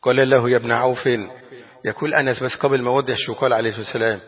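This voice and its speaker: A man with a Levantine Arabic accent giving a religious lesson, explaining a text with animated rhetorical questions. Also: mid-range voice, rapid-fire, long reverb tail, lo-fi sound. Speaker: religious teacher.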